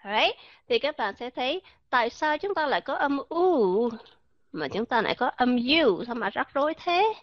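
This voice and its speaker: A woman's voice: high voice, big pitch swings, moderate pace, no room sound. A woman teaching English pronunciation in a live online class, chatty, tossing in "ok" and rhetorical questions. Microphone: computer mic in a voice chat room. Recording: dull lo-fi online voice chat audio.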